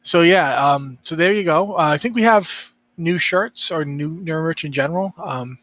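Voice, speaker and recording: A man's voice: a little high, normal speed, fairly bright tone. A man hosting a casual podcast, rambling and interrupting himself with a wry streak. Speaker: podcast host.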